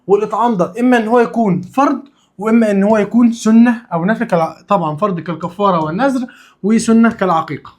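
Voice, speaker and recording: A man with an Egyptian Arabic accent teaches a religious studies lesson, drilling students with repeated questions and answers and adding casual, playful asides. His voice is high-pitched and racing.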